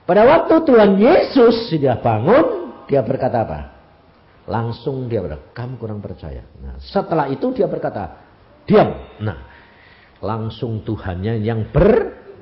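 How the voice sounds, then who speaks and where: Lively elderly preacher. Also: male voice, mid-range voice, unhurried, pauses often, lo-fi sound. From Central Java, Indonesia. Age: 80s. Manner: scolding, questioning the congregation. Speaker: evangelist preacher. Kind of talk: sermon.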